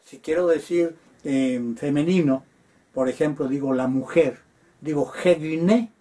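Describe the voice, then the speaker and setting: A man's voice: mid-range voice, fairly even intonation, dark tone. Patient man teaching Greek. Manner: patient, spells out forms with frequent "eh" pauses. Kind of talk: lecture.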